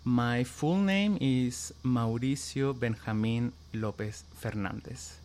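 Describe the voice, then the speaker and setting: Speaking slowly in a mid-range, somewhat mellow voice, a musician from Chile gives casual answers in an English interview and reads a passage aloud. His Chilean Spanish accent comes through as he hesitates, leans on "like" fillers, and articulates every sound with care.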